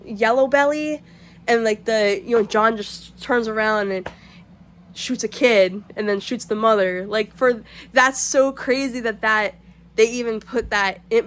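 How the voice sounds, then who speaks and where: A woman vlogging at home in casual chat, rambling and excitable, swearing freely, sometimes dropping to a shaky whisper. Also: a little high. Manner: whispering to keep quiet. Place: home, indoors.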